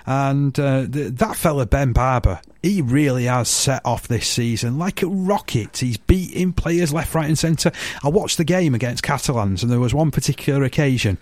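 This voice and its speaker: A man, co-hosting a casual sports chat in an animated, teasing way. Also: mid-range voice, moderate pace, few pauses, no room sound. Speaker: podcast co-host.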